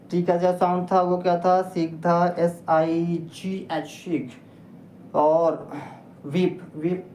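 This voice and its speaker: A woman's voice: on the low side, warm tone. A woman teaching English vocabulary in a patient lesson, spelling words out letter by letter and quizzing her listeners. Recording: echoey room with faint noise.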